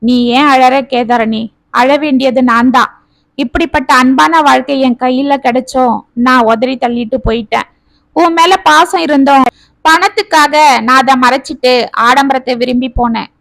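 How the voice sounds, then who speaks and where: A woman's voice: high-pitched, normal speed, gravelly, fairly bright tone, no echo. A woman voicing a regretful grown son and father, speaking in a sorrowful, self-reproaching way.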